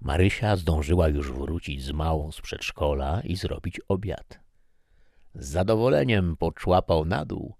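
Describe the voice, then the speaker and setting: A man's voice: extremely low pitch, expressive, a little slow, creaky, a little mellow, no echo, studio quality. A man reading a short story aloud as narrator, telling it expressively.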